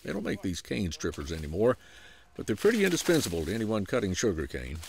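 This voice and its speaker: A man with a Southern US accent narrating a documentary feature in a folksy, unhurried storytelling way. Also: on the low side, huge pitch swings, gravelly, a little hiss or hum. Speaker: program host and narrator. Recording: voice-over with music underneath.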